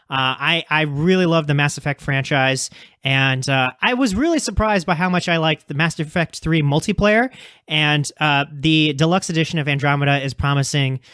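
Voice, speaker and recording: Male podcast co-host, casual and eager, clean resonant tone, slightly high, dry close mic. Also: fairly bright tone, clean tone, no echo. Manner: enthusiastic, many fillers and restarts.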